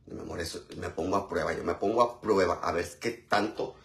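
A man's voice: low-pitched, fairly quick, gravelly, a bit bright, a little hiss or hum. A man with a Mexican accent chatting casually on a live stream while he cooks, using crude slang and greeting viewers by name.

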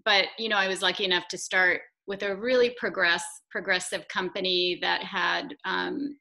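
Middle aged woman on a zoom panel, bright sharp voice, chatty with lots of ums. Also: fairly low pitch, creaky, poor audio. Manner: reflective, conversational with fillers. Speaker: panelist, former art production head. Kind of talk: panel discussion.

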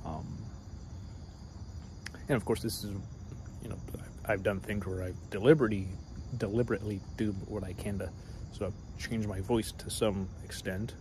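Over loud cricket and insect noise at night, a deep-voiced man talks at normal speed with a steady tone. He's a vlogger delivering a rambling, casual monologue, hesitant and packed with fillers and thoughts that trail off.

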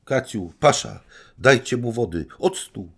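A man's voice: deep voice, unhurried, voice pushed up. A man reading an audiobook, voicing an imperious, defiant young society woman in a raised, commanding tone.

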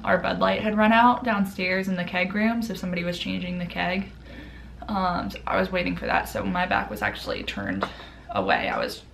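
A young woman chats through her stories to camera, circling back with plenty of "um"s and restarts. Her voice has a gravelly fry to it, over a faint hiss in the background. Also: medium pitch. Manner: chatty with many fillers and restarts. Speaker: vlogger. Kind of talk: casual storytelling vlog.

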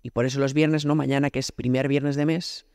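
A man's voice: mid-range voice, level tone, a little fast, darkish tone, clean tone, no echo, studio quality. A man from Spain, a priest, giving a conversational prayer homily, often asking rhetorical questions and speaking directly to God. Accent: Spanish from Spain.

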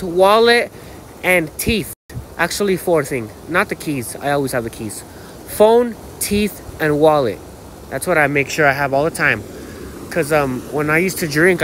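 On a dirt path by a canal, an American vlogger with a notably high voice speaks at a measured pace into a phone held at arm's length, light ambient noise behind him. He rambles casually, swearing and using slang with plenty of swagger and repeated catchphrases.

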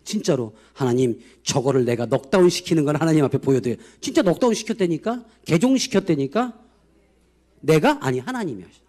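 Animated older man preaching with lively pitch. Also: a little fast. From South Korea. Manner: animated storytelling, acts out dialogue; comedic, self-mocking. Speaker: pastor. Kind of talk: sermon testimony.

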